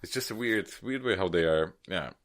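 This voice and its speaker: A man co-hosting a podcast in casual chat, talkative, laughing often and chiming in with quick agreement. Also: deep voice, animated, fairly bright tone. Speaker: podcast co-host.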